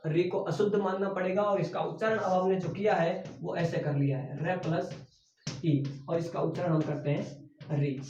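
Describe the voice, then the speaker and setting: A male teacher with a high voice gives an exam-prep lecture and keeps echoing his own questions back to the class. He sounds set back from the mic, and the recording is dull and roomy. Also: steady tone, moderate pace, a little mellow, a little hiss or hum. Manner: repeats key words as questions to the class. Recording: echoey room, voice from a distance, dull sound.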